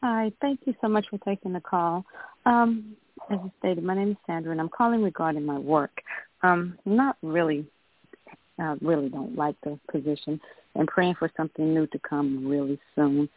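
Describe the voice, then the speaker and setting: A woman caller speaking over the phone on a call-in radio show, soft-spoken and hesitant. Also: sits low, moderate pace, dry recording, phone-quality sound.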